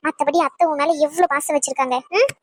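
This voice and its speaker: A woman's voice: sits high, lightly acted. A woman voicing a caring young woman in a cartoon who coaxes and advises her friend. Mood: coaxing. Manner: coaxing, advising, quick. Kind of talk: cartoon voice acting.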